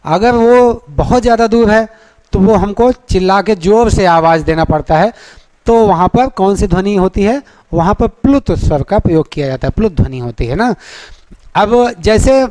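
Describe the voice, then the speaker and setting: High-voiced male grammar teacher. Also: a little mellow. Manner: asks rhetorical questions and answers them; draws out vowel sounds to demonstrate them. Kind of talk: classroom-style lecture.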